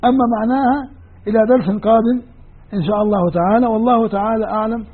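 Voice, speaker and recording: A man's voice: high-pitched, steady tone, rapid-fire, husky. A man with a Levantine Arabic accent teaching a classroom lecture on Quranic grammar, explaining step by step and posing questions to his students. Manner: explanatory, poses questions to students and answers them. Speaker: Islamic studies teacher. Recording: tinny lo-fi phone-like recording.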